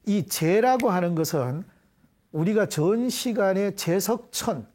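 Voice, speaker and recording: A middle-aged man leading a Buddhist prayer and explaining scripture terms to a class in a deliberate, measured way. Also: high voice, lively intonation, darkish tone. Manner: deliberate, measured, leads call-and-response repetition. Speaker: Buddhist dharma teacher. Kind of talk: devotional prayer and explanatory dharma lecture.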